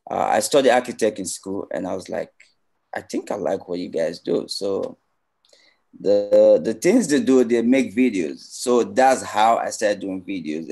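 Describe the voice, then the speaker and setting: Deep-voiced Nigerian man on video call. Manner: relaxed, conversational storytelling. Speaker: guest video director. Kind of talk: casual interview answers.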